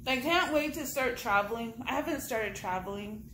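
A woman's voice: fairly high pitch, lively intonation, moderate pace, bright, forceful tone. A young woman vlogging casually while eating, talking with her mouth full and rambling with fillers. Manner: rambling, many fillers and restarts. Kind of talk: casual mukbang chat. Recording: echoey room with faint ambient noise.

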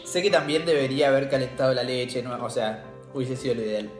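A man's voice: mid-range voice, fairly even intonation, fast talker, echoey room, soft background music. A man with an Argentine accent hosting a casual tasting vlog, chatty and slangy, laughing often. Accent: Argentine Spanish. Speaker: cooking channel host.

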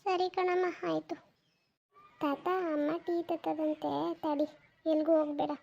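A woman's voice: high voice, fairly even intonation, unhurried, creaky, warm tone, lo-fi sound. A woman doing a whiny sleepy village boy. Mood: grumbling. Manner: whiny, drowsy pleading. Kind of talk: cartoon voice acting.

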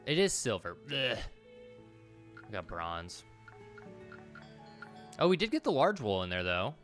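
Soft music plays behind a man in his thirties who streams games from a computer in an indoor room. He unhurriedly mutters casual commentary, thinking aloud hesitantly and repeating himself, in a lowish, slightly bright voice with big pitch swings.

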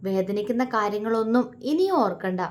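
A woman's voice: mid-range voice, animated, brisk, a little mellow, natural voice. A woman voicing a playful young man who teases and comforts his beloved in a romance story. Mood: tender. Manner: teasing and affectionate. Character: playful, teasing young man, tender lover.

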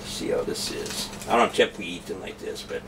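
Recorded from across the room on a camera mic with background noise, a middle-aged man vlogs about food as he cooks and tastes at home. He speaks a little fast in a fairly low voice. His talk is loose and rambling, full of false starts.

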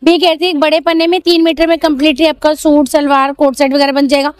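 In this market walkthrough vlog, a woman films on a handheld phone at an outdoor street market, repeating every price in a chatty way for her audience. She's a fast talker with a high-sitting voice and a level tone.

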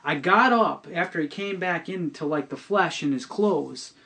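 A middle-aged man telling a personal testimony on a podcast, earnest and halting, often restarting and repeating words. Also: fairly high pitch, gravelly, bright, forceful tone.

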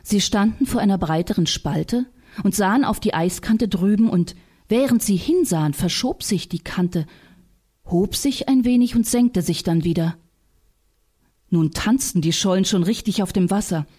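A woman reading literary prose aloud in a staged reading, telling it in a calm, measured way. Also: medium pitch, breathy edge. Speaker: reader.

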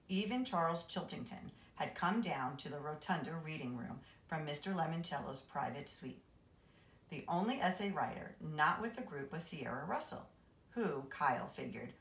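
Low, animated woman reading aloud. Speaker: assistant principal reading aloud. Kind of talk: reading a children's novel aloud. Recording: roomy echo.

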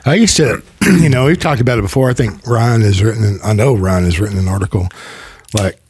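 An older man hosting a casual podcast conversation, telling stories in a rambling way and clearing his throat often, at a boom mic in a small office studio. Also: fairly quick, darkish tone, dry recording. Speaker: podcast host. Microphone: desk podcast mic on boom arm.

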